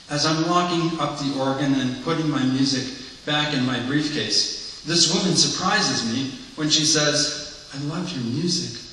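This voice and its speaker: A man's voice: fairly high pitch, sharp tone, a little hiss or hum. A man reading the part of an earnest blind man confiding his past to a priest, in a candid, reflective monologue, heard in an echoey hall from far off.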